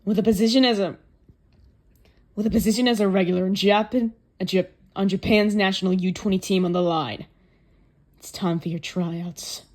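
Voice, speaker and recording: A woman's voice: medium pitch, fairly even intonation, moderate pace, darkish tone, natural voice. Woman doing a cold commanding male coach. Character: stern scheming male football coach. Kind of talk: dramatic manga reading.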